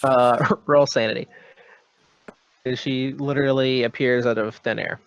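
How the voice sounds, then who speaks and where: A man's voice: medium pitch, steady tone, unhurried, creaky, dry recording. A man running a tabletop horror game as game master, narrating in a hesitant, rambling way full of ums, on a dull lo-fi recording.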